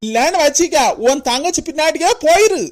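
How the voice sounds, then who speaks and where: A woman's voice: high-pitched, lively intonation, fairly quick, background noise. A woman voicing a remorseful, stern older brother in a cartoon, speaking with a Kanyakumari Tamil accent. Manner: emotional, pleading then scolding. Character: remorseful then stern adult brother, head of family. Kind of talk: cartoon voice acting.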